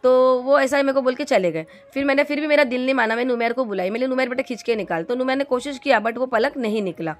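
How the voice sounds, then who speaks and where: Middle-aged female vlogger from India, somewhat high pitch, rambling storyteller. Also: fast talker, hardly any pauses. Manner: chatty, rambling, many fillers and restarts. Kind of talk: casual storytelling to viewers.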